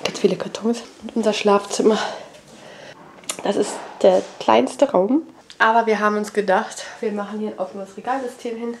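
A family vlogger with a cold leads a casual tour of her home, chatting as she moves from room to room and filming herself on an action camera at arm's length. Her mid-range voice stays steady at a moderate pace, with slight background noise.

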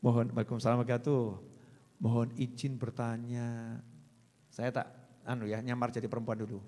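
A man's voice: medium pitch, little pitch movement, fast, warm tone, voice pushed down, natural voice. A man voicing a heartbroken wife who reads out her plea for advice. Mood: pleading. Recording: echoey hall.

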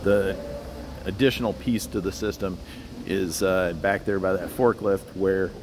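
A man narrating a casual walking tour of a large warehouse, explaining things in a relaxed way with many fillers and restarts. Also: sits low, measured pace. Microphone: handheld phone camera while walking. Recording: phone recording with clear background hum.

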